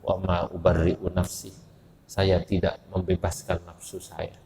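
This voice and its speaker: A man's voice: deep voice, unhurried, gravelly, a little hiss or hum. Joking male preacher in an echoey mosque. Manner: lively, joking, asks the audience questions. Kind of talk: sermon.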